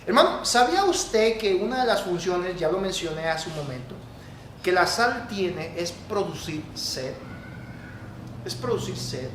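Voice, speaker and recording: A man with a Mexican accent delivers an impassioned sermon, rising to loud exhortation and then dropping to quiet asides. He keeps calling out to his listeners as brother. His voice rings through a roomy, echoing church with a faint hiss of noise behind it. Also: high-pitched, big pitch swings, unhurried. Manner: impassioned preaching, swings from loud to hushed, often addresses listeners as brother. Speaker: pastor.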